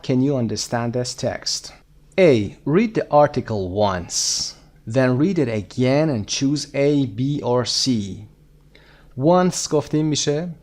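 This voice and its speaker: A man with a Persian accent teaching from an English textbook. He says the English words slowly and carefully, then explains them quickly in Persian. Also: mid-range voice, a little mellow. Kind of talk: recorded textbook lesson.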